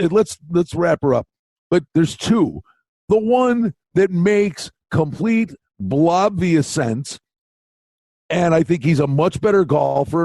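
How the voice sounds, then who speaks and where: A man's voice: high-pitched, a little mellow, slightly rough, dry recording. A man co-hosting a golf betting show, telling a story in casual chat, stammering and restarting, acting out the people he quotes.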